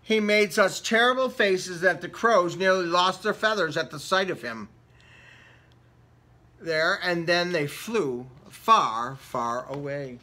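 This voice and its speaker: A man reads a children's storybook aloud in a high, animated voice, stretching and repeating words dramatically for effect. He goes slowly, and his tone is bright and forceful.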